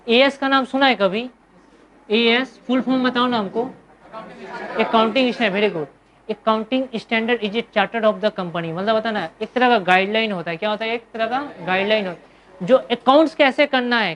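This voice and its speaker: Female commerce teacher, Indian accent, slightly high voice, asks and answers her own questions. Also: a bit bright, a little hiss or hum. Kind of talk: classroom lecture.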